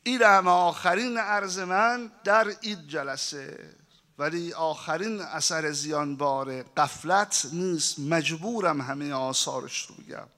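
Guy preaching, fairly high bright voice, tells stories and acts out the dialogue. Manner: animated storyteller who acts out dialogue. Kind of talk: sermon with storytelling.

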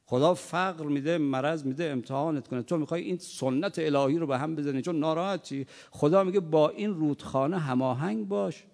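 A man preaching a sermon, moving from quiet, plain talk to loud, impassioned cries. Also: on the high side, vocal fry, hardly any pauses. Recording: long hall reverb.

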